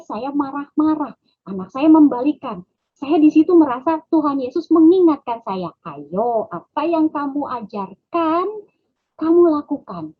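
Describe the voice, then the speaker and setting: A woman's voice: a little high, breathy edge. A woman gives a testimony at an online prayer meeting, speaking to her listeners as "Bapak Ibu sekalian" and acting out dialogue with her child. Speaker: lay preacher sharing a testimony. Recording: thin phone-like online call audio.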